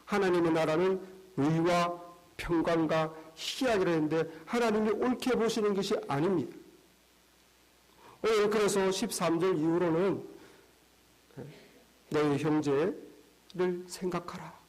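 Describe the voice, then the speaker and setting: A male pastor preaching a sermon in a church, animated and acting out dialogue. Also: high voice, normal speed, rough recording. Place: church sanctuary.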